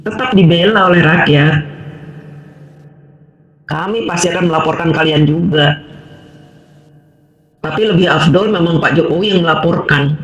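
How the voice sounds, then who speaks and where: Scolding woman ranting in a roomy echo. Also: on the low side. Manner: scolding, mocking and confrontational, full of rhetorical questions. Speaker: housewife vlogger. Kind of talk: angry political rant to camera.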